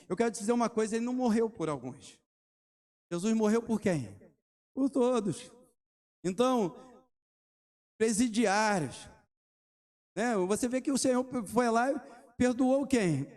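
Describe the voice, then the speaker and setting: A man's voice: very high voice, a little mellow. A middle-aged man, preaching a sermon and asking the congregation rhetorical questions between testimony stories. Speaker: pastor.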